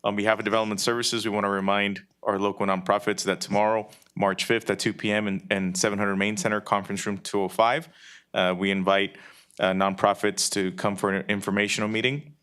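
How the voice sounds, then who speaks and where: A man reading city announcements to a council meeting in a steady, businesslike way. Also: on the low side, fairly quick, smooth. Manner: steady, businesslike, some fillers. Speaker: city staff member giving announcements.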